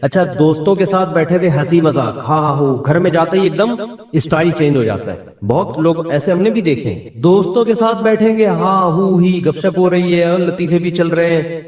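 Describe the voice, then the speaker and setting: A man's voice: on the high side, expressive, a little mellow, far from the mic. Male preacher, Pakistani Urdu accent, raised voice, asks then answers, mimics quoted people, echoey hall. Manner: asks the audience questions and answers them. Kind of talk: Islamic sermon.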